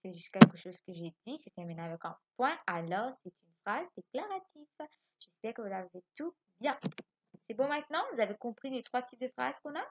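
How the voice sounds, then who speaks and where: Patient Mauritian French schoolteacher. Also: female voice, a little high, expressive, a little mellow, muffled recording, slight background noise. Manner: slow, patient explaining with frequent checks for understanding. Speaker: primary school teacher. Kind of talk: recorded remote lesson. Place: home.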